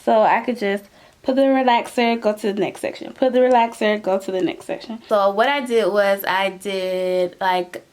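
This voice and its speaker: A young woman vlogging casually about her routine, animated and chatty, with a lisp that makes her s sounds slushy. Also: mid-range voice, normal speed, clear, resonant tone. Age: young adult. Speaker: beauty vlogger. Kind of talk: casual chatty hair tutorial vlog. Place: small room at home, indoors.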